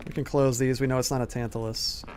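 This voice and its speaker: A man's voice: medium pitch, level tone, fast talker, darkish tone, slight background noise. A young man streaming a game late at night, talking casually to his chat while he plays and often laughing. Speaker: gaming streamer. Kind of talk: live-streamed gameplay commentary.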